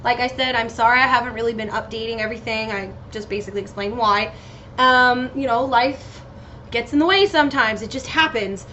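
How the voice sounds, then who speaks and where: An American woman with a high, bright voice rambles casually through her solo podcast, giggling, scattered and a bit loopy on painkillers, swearing freely as her thoughts drift. She talks briskly, and the muffled lo-fi home recording carries slight background noise.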